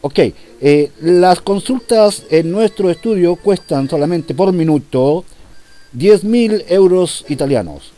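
A man's voice: high-pitched, lively intonation, slow, mellow, faint music behind. A man performing a comic monologue as a police commissioner taking a phone call, in a mock-formal, polite manner.

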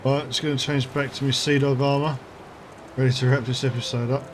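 A man's voice: mid-range voice, little pitch movement, a little fast, noisy background. A man hosting his gaming channel, chatting casually as he plays and thinking aloud while he reads out item stats. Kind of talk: casual gameplay commentary. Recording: game music clearly behind voice. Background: game music.

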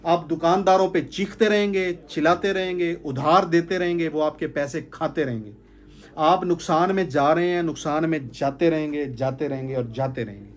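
A man's voice: fairly high pitch, moderate pace. A man gives an informal sales talk to a small group, stressing points by repeating phrases. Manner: emphatic, repeats phrases for stress, gestures while talking. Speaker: sales trainer. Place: indoor room with curtains.

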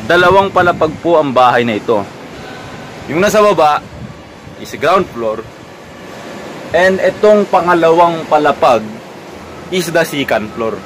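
A man with a Filipino accent talks through a comedic vlog in a fairly high voice. He lectures in a mock-serious way and bursts into shouted jokes. Steady outdoor and street noise sits behind him. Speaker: vlogger.

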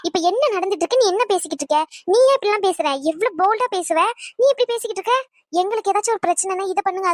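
A very high-pitched, quick-talking young woman, voiced by a woman, in a cartoon dub. She comforts and scolds her family in a firm, reassuring way. The sound is dry and close. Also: dry recording. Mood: scolding.

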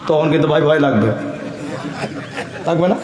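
A man preaching with lively, story-driven delivery, acting out dialogue and firing questions at his listeners. His voice sits a bit high for a man. The sound is roomy and echoey, as if from a large gathering. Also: moderate pace, lo-fi sound. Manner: animated, acts out dialogue, asks the crowd questions. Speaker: Islamic preacher. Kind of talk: humorous sermon storytelling.

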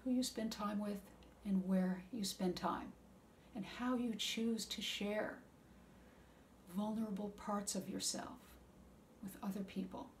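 A woman talks calmly and gently, offering spiritual advice at a measured, reflective pace. Her pitch sits in an ordinary middle range. A faint noise runs under the recording. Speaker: wellness speaker. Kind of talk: calm spiritual advice talk.

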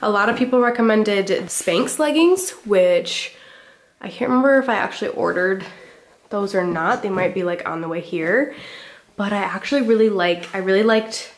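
A woman's voice: mid-range voice, normal speed. Breathless chatty young woman vlogger. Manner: chatty, fillers like "like", upbeat. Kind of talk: casual try-on haul chat.

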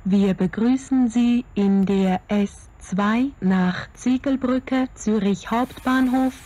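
A woman making formal, scripted train announcements over the intercom, setting each station name apart in a measured way. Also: a little high, warm tone, soft background music, rough recording.

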